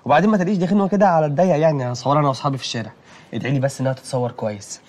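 A man's voice: a little high, very fast, darkish tone, lightly acted. An actor playing a cheerful young son who reassures his mother, with an Egyptian accent. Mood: reassuring. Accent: Egyptian Arabic. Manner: cheerful, reassuring, sings a few lines. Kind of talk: Egyptian TV drama acting.

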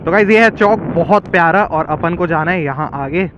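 A young man from India with a Chhattisgarh Hindi accent chats casually with viewers, calling them "guys", while riding a motorbike and then walking down a residential street. His slightly high voice moves at a moderate pace, recorded lo-fi over loud music on a bike-mounted action camera and a handheld selfie camera.

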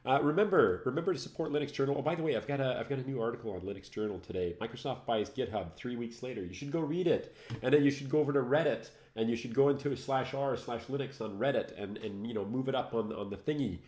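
A middle-aged man with a French Canadian accent talks casually through a live show, poking fun at himself and laughing easily. His voice sits at an ordinary male pitch. The room around him sounds roomy and echoey. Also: quick pace, a little mellow. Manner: self-mocking, laughing often, chatty. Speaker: host. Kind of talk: casual live-stream tech chat.

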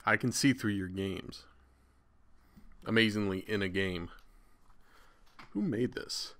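A man's voice: lowish voice, takes it slowly, a bit bright. A man giving casual, irreverent commentary while playing a video game, chatty and swearing freely. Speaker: gaming channel host.

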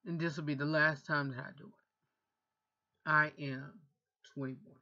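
A woman in her thirties, a vlogger and radio host, answers viewer questions in a casual, rambling vlog from her bedroom, chatting and correcting herself as she goes. Her voice is low-pitched, steady, slow, bright and forceful. A close-range webcam captures her, though the sound comes out muffled.

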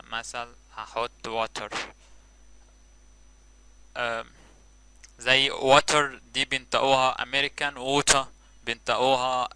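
A man's voice: medium pitch, unhurried, pauses often, smooth, no room sound, poor audio. Egyptian man explaining a tutorial. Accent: Egyptian Arabic. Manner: relaxed, explanatory, with fillers. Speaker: tutorial presenter. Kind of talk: casual screen-recorded tutorial.

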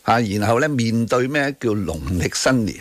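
In a dry recording, an expressive man with a mid-range voice talks at normal speed. He is a radio talk show host in a studio, speaking with a Hong Kong Cantonese accent and arguing hard about current affairs through rhetorical tag questions and snippets of English.

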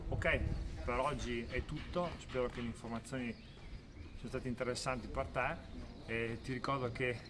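Male architect, 40s, halting informal presenter, recorded outdoors by camera mic with heavy background noise. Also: medium pitch, fairly even intonation, far from the mic. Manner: halting, searching for words, repeats words. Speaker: architect presenting a renovation site. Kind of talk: informal site walk-through explanation to camera. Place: outdoors on a town street beside a facade. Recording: very noisy outdoor street recording.

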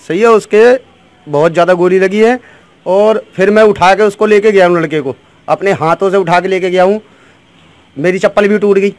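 A man's voice: sits high, no room sound. A man giving an insistent, repetitive eyewitness account into a handheld microphone outdoors. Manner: insistent, repeats phrases. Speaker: eyewitness interviewee. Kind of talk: animated street eyewitness account. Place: outdoors in a narrow lane with onlookers. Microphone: reporter's handheld microphone.

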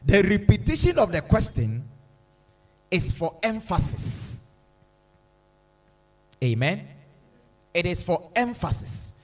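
Male pastor, slow dramatic sermon delivery, voice rising and falling a lot. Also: sits high, sing-song, a little mellow. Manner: slow, emphatic preaching with dramatic repetition. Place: church.

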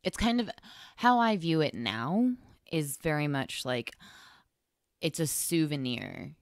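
A young woman with a very deep voice talks slowly through a solo podcast, wandering off and correcting herself as she goes. The sound is dry and close, with no room around her. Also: sing-song, no room sound. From Texas. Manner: rambling, lots of fillers and self-corrections. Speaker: podcast host. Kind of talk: casual solo podcast monologue.

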